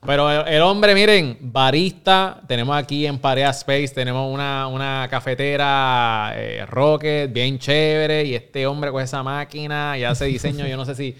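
A man hosting a podcast, talking in an energetic, playful and emphatic way. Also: mid-range voice, moderate pace, hardly any pauses, clear, resonant tone. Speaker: podcast host. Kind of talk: casual podcast interview.

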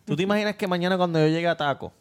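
A man chatting on a podcast, expressive and prone to stammering restarts. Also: sits high, very fast, clear, resonant tone. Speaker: podcast co-host. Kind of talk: casual podcast chat.

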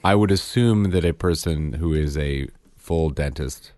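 Male podcast host, deep voice, blunt and swears, casual chat, dry close mic. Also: a little slow, darkish tone, no room sound.

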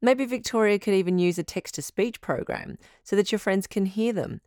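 A woman playing the smooth, reassuring host of a radio call-in advice show. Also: medium pitch, normal speed, darkish tone, no echo, clean studio sound, natural voice. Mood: calm, advising. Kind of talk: scripted radio call-in drama.

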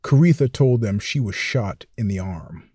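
A man's voice: lowish voice, animated, moderate pace, a little mellow, husky, no echo, clean studio sound. A man hosting a documentary podcast, reading scripted narration in a true crime storytelling style.

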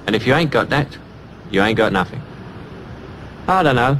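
Een acteur die een vermoeide Cockney-arbeider speelt, slepend en berustend, in een oude filmclip met ruis. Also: male voice, medium pitch, lively intonation, moderate pace, fairly bright tone, close to an everyday voice, poor audio. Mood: brooding. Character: weary working-class Cockney man musing. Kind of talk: film dialogue. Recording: old film clip with background noise.

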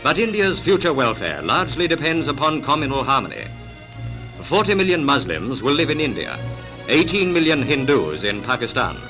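A man's voice: mid-range voice, big pitch swings, moderate pace. A man narrating an old 1940s newsreel clip with a dramatic announcer delivery. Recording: newsreel narration over loud music.

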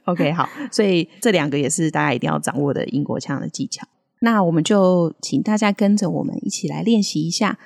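A woman co-hosting a casual podcast lesson, modelling English words slowly between frequent laughs. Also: sits low, creaky, darkish tone. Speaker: podcast co-host teaching English accents. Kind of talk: casual language-lesson chat.

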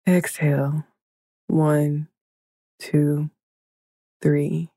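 A woman leading a guided meditation in a slow, soothing, hushed manner, counting breaths and counting down. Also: sits low, little pitch movement, slightly rough, no room sound.

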